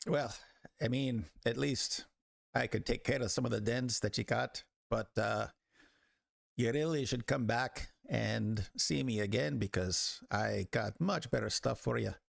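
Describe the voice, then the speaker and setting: A man's voice: mid-range voice, measured pace, creaky, no room sound, studio quality. A man doing a blunt village blacksmith. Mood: gruff. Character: gruff middle-aged male blacksmith.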